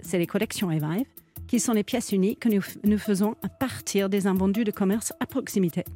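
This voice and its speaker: A woman in her fifties with an English accent, giving an earnest business pitch in French. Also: warm tone. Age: 50s. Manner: earnest, fluent with slight hesitations. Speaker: entrepreneur pitching.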